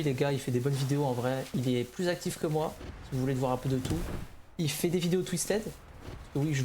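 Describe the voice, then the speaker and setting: A young man giving a casual, unscripted update to gaming viewers, hesitant and slightly nervous, often restarting his sentences. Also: mid-range voice. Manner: slightly nervous, neutral delivery. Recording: clear background noise, clicks.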